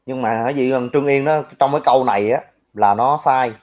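A young male livestream commentator with a Southern Vietnamese accent talks fast in a mid-range, slightly mellow voice. He rants in reply to viewer comments, being brash, crude and mocking toward critics. The recording is lo-fi and dull.

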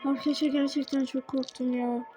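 A young woman with a high voice narrates her horror game play, jittery and frightened as she talks to her viewers. Loud game music plays behind her the whole time. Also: flat delivery, fairly quick. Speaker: gaming video creator.

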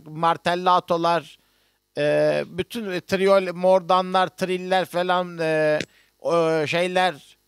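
A man's voice: sits high, clean tone, dry recording, clean studio sound. A middle-aged man, a music professor from Turkey, teaching an online notation lesson and explaining each step on screen with many hesitations.

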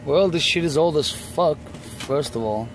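A man's voice: fairly high pitch, measured pace. A young man working as an HVAC technician, narrating his repair job in a blunt, profane, joking way while filming with a handheld phone on a building rooftop. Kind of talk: casual on-the-job vlog narration. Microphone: handheld phone camera. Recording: noisy rooftop with air-conditioning units. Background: air-conditioning hum and traffic.

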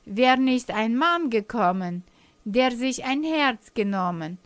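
A woman's voice: animated, slow, no room sound. A woman voicing a little boy in a recited children's poem. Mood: panicked. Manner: recited verse, high. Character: little boy, bold then panicked, in a poem.

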